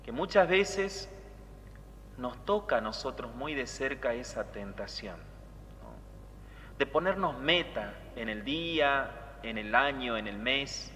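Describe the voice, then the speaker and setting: Guy priest preaching, bright punchy voice, explains stuff, lots of church echo. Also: mid-range voice, expressive, measured pace. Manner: didactic, with rhetorical tag questions. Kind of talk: sermon. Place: reverberant church. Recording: long church reverb, background noise.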